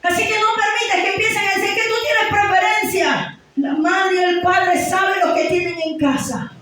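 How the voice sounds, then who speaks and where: A very high-pitched woman preaches a fervent sermon, much of it shouted, some of it sunk into low, hushed lines. Her voice rings through a very echoey church hall and reaches the mic from a distance over a faint hiss of noise. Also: fairly even intonation, moderate pace. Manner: impassioned preaching, mostly shouted, dropping to low hushed tones.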